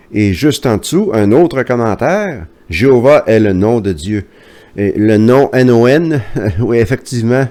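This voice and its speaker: Québécois man, mid-pitched and expressive, casual commentary, hesitant chatty delivery. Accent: Québécois French. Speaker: YouTuber reading viewer comments.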